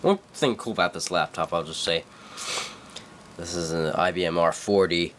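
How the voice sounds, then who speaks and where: At a moderate pace, a young man with a stuffy cold talks through a casual computer tutorial he's screen-recording in a dim room. His low voice has a fairly bright tone, and a slight hiss or hum is audible. He rambles, corrects himself, and uses many fillers.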